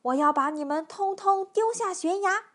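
A woman's voice: extremely high pitch, animated, normal speed, fairly bright tone, pitched above the performer's own voice. A woman reading a storybook voices a huge boastful male giant who bellows and later whimpers. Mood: bellowing.

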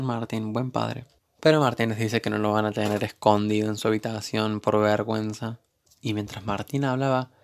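Argentine male reviewer with a gravelly voice, recapping episodes in a wry, joking tone. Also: mid-range voice. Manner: sarcastic, joking asides. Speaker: TV series reviewer. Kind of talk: casual recap commentary.

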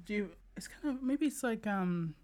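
A young woman hosting a podcast, chatty and giggly in casual talk. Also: normal speed. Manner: giggly, chatty, animated pitch. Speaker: podcast host. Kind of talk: casual chat.

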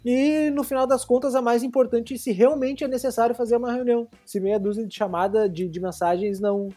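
A woman co-hosting a live-streamed podcast rambles casually through explanations, full of restarts and tag questions. Soft music plays behind her fairly high, steady, warm voice, which moves a little quickly.

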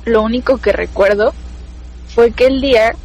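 A woman's voice: fairly high pitch, normal speed, a little mellow, low-quality recording. Thoughtful woman recalling memories. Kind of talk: casual storytelling chat.

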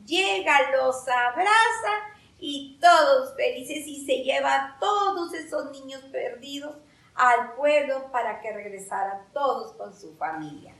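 High-voiced woman telling a children's story. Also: slow. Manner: lively, emphatic, repeats words for drama. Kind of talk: fairy tale told to children. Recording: echoey room, distant mic.

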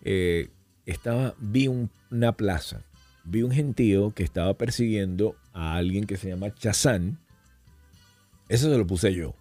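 Un hombre invitado a un pódcast, que cuenta historias de forma animada y coloquial, con muchas frases que se reinician. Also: male voice, fairly low pitch, measured pace, no room sound, soft background music. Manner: animated, rambling storyteller with frequent restarts; colloquial, addresses host as "hermano". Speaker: podcast guest. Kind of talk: casual storytelling chat.

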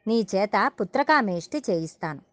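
A woman voicing a wise old male sage who questions gently and speaks in a measured way. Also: mid-range voice, expressive, no room sound, close to an everyday voice. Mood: counseling.

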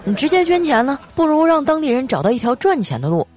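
A woman's voice: high-pitched, sing-song, fast talker, darkish tone, some chatter behind, pitched above the performer's own voice. A woman doing her teasing big brother. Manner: teasing, wisecracking. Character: teasing older brother, joking and playful.

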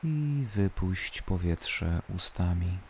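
A calm, soothing voice guiding a body-scan relaxation, unhurried and leaving long pauses between short instructions. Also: deep voice, a little hiss or hum. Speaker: guided relaxation narrator. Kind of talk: slow guided body-scan meditation.

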